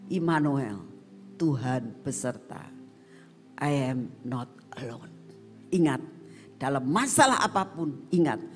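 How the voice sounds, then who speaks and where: A woman evangelist preaches, building a dramatic story and speaking right to the congregation. She talks slowly, with a lively, rising and falling voice. A long church reverb carries her words over soft background music. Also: deep voice. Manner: dramatic, addresses the congregation directly. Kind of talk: storytelling sermon.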